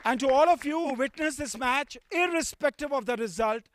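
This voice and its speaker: High-pitched Indian man giving a formal speech. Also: brisk, a bit bright, a little hiss or hum. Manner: effusive, formal. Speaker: school official giving a thank-you speech. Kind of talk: ceremonial thank-you speech. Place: outdoor school playing field.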